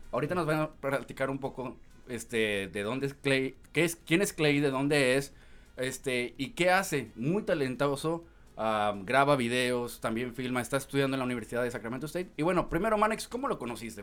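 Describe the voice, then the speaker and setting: A young Mexican man co-hosting a podcast, loud, playful and teasing in casual chat. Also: medium pitch. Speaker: podcast co-host.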